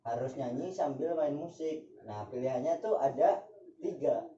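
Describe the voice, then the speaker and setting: A young man from Java, Indonesia, appears as a guest in a casual talk that includes some singing, full of slang jokes and laughter. His mellow, medium-pitched voice runs at a moderate pace over light background noise in a dull, echoey, distant-sounding room.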